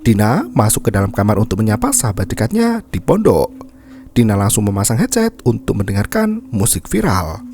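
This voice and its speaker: Guy doing a dramatic movie recap, deep mellow tone, pitch all over the place. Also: huge pitch swings, a little fast. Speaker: film recap narrator. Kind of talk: scripted narration.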